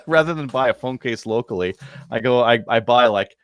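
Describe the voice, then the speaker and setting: A podcast co-host with a medium-pitched, fairly bright voice banters casually about shooting and gear at a moderate pace. He's laid-back and joking throughout.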